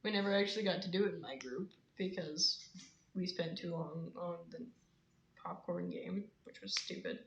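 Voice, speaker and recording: A teenage girl co-hosting a casual chat, talkative and teasing with deadpan asides. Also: lowish voice, normal speed, echoey room, muffled recording, slight background noise. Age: teens. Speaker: podcast co-host.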